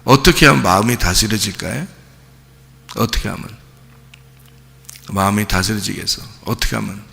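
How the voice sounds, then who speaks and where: A man's voice: on the low side, fast talker, gravelly, bright, forceful tone, in a large hall. A male pastor preaching a sermon with emphasis, often putting questions to the congregation.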